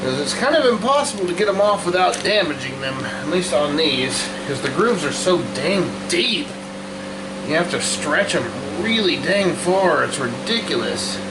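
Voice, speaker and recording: Male DIY host, slightly high voice, casual and folksy, narrating his own hands-on work in a workshop with a fan humming clearly behind him. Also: normal speed. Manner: folksy, talking himself through each step. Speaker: host of a hands-on repair video. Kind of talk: casual how-to commentary while working. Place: hot workshop with a fan running. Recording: constant fan and hum noise behind voice. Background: running fan, steady hum.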